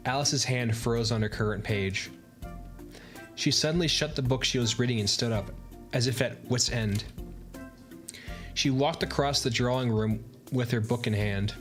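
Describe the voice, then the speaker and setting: An easygoing man reads a visual novel's narration aloud and chats between scenes. His voice sits at a middling pitch, with faint music running under it. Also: moderate pace, long pauses, fairly bright tone. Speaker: streamer. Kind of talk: casual gameplay commentary and narration reading.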